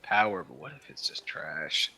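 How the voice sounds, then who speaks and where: A man's voice: a bass voice, big pitch swings, normal speed, pushed and bright, breathy edge. A man playing a bard in a tabletop game, joking around and laughing a lot. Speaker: player, bard. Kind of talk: casual game chat.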